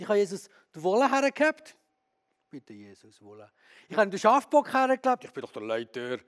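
A man preaches with a high voice for a man. He talks in a lively, candid way and keeps turning to his listeners with questions. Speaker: pastor. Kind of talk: sermon.

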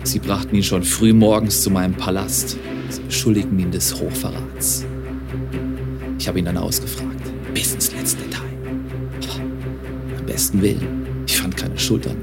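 A man playing Pontius Pilate, a troubled Roman governor, telling his story as a dramatic monologue with loud guitar music behind. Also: deep voice.

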